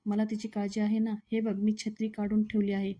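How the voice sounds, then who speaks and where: A woman's voice: medium pitch, monotone, brisk, mellow, lightly acted. A woman reading as a stubborn young husband-trainer. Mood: lecturing. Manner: stubborn, lecturing. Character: strict young husband acting as fitness trainer.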